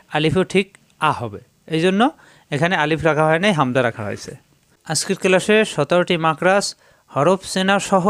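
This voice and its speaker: A man leads a patient pronunciation lesson and drills each letter sound again and again. His voice is slightly high, smooth and resonant. It is recorded close up and dry, with no room echo. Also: a bit bright. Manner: slow, repetitive drilling of sounds, asks viewers to repeat. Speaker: Quran teacher. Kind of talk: step-by-step recitation lesson.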